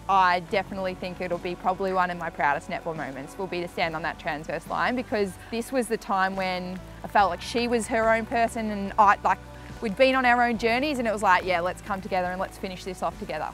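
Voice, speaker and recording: A woman's voice: medium pitch, normal speed, fairly bright tone, soft background music. Candid young woman, reflective. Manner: candid, emotional, trailing off into fillers. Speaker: professional netball player. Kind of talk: documentary interview, reflective.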